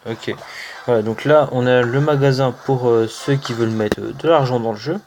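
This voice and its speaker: A man's voice: medium pitch, a little mellow, a little hiss or hum. A man with a French accent commenting casually on a mobile game he is playing, hesitant and full of fillers. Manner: hesitant, many "euh" fillers, slow and unhurried. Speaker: gaming channel host. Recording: music playing under the voice.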